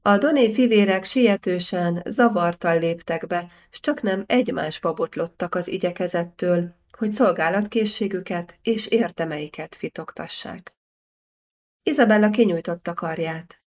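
A woman reading a historical novel aloud as an audiobook narrator, measured and steady. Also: fairly low pitch. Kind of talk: scripted narration.

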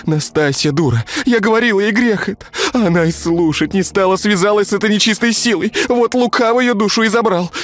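A man's voice: high-pitched, fairly quick, hardly any pauses, a bit bright, pitched above the performer's own voice. A man reading a story, voicing a frightened young village girl who sobs and pleads. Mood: distraught pleading. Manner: sobbing, pleading, crossing herself.

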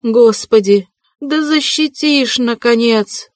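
Охрипшая, надрывно кричащая отчаявшаяся вдова, которую изображает чтица: голос срывается высоко, мольбы звучат лихорадочно. Запись сухая, студийная, без эха. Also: female voice, slow, no echo, clean studio sound. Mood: anguished. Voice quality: hoarse, shrill crying. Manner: frantic pleading shouts. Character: desperate consumptive poor widow, shrill. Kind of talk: audiobook reading.

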